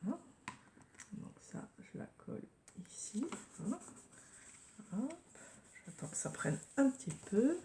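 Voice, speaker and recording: Her voice is on the high side with big pitch swings, at a measured pace with frequent pauses, over a noisy background. She's a craft vlogger with a head cold, talking casually through a tutorial, sinking into murmurs and whispers as she works and repeating "voilà" often.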